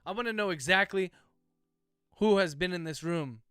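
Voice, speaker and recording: A man reading the lines of a tough, impatient woman investigator in his own voice, flat dictation style. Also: high voice, moderate pace, clear, resonant tone, no room sound, studio quality, faint music behind. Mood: demanding.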